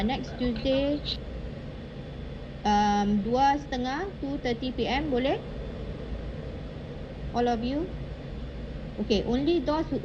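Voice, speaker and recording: A woman teacher with a Malaysian accent talks casually to an online class, using colloquial Malaysian slang and tag words like lah and ah. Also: fairly high pitch. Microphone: online call. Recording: muffled, noisy online call audio.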